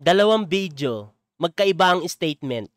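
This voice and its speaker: Guy hosting a reaction vlog, keeps repeating clip lines back and chuckling, smooth voice. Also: fairly high pitch, expressive, moderate pace, dry recording, clean studio sound. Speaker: YouTuber host. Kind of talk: reaction commentary on a video clip.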